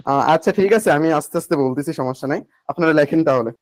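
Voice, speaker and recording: A young man teaching a live online admission class. He repeats key facts slowly so students can write them down, and asks questions that he answers himself. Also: fairly high pitch, no room sound, poor audio.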